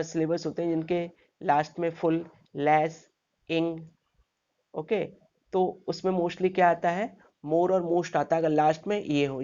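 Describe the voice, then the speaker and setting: A man's voice: a little high, a little mellow, highs cut off. A man teaching a grammar lesson step by step, asking his class rhetorical questions and checking in with "okay" after each point.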